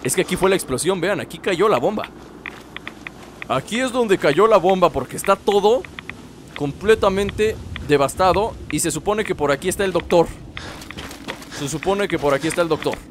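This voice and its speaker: An excitable young man, narrating his gameplay with jokes and asides to viewers. His voice sits high for a man, with a faint hiss of noise behind it. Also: normal speed. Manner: excitable, jokey, talks to viewers, yells when startled. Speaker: gaming YouTuber. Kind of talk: let's play commentary.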